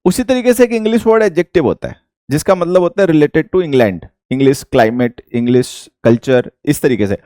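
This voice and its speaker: Indian guy teaching english, kinda high voice, keeps checking "theek hai". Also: expressive, mellow, no room sound, studio quality. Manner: explains slowly, repeating each point and checking with "theek hai". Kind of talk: explaining a lesson.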